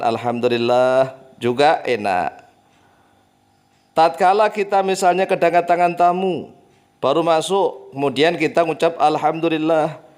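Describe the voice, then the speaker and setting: A middle-aged man, preaching and softly chanting Arabic phrases. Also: fairly high pitch. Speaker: Islamic preacher and teacher. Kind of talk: religious talk.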